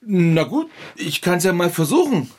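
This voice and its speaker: A timid, apologetic amateur actor. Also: male voice, sits high, big pitch swings, a little slow, full character voice. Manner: hesitant, apologetic.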